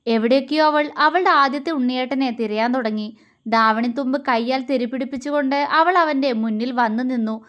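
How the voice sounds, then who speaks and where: A woman storyteller reading a romance novel aloud in a calm, even manner. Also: high voice, brisk.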